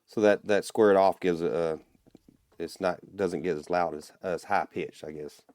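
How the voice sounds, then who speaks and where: A man guesting on a podcast, explaining things step by step in a relaxed, casual way over a video call. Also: low-pitched, a little slow, no echo, studio quality. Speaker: guest, turkey call maker.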